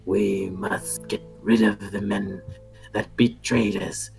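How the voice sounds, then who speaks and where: A man voicing a small male goblin shaman who delivers a slow, solemn speech to his people. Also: on the low side, level tone, creaky, darkish tone, soft background music, heavily acted. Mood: solemn, vengeful.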